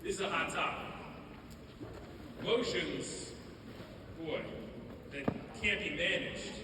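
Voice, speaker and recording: A man giving a school assembly talk as a motivational speaker, telling stories in an animated way in a school auditorium. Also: fairly high pitch, takes it slowly, vocal fry. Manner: storytelling, animated. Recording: echoey hall from far off, background noise.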